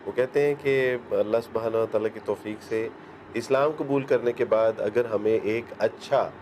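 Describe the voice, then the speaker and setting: Halting man guest in an interview. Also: fairly low pitch, a little mellow, a little hiss or hum. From Pakistan. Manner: chimes in to finish others' sentences, halting with fillers. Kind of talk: interview conversation.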